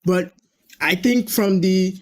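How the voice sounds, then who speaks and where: Excitable man hosting a football watch-along. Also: slow. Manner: chatty, jumping up in pitch at chances on goal. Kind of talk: casual live match commentary to a chat.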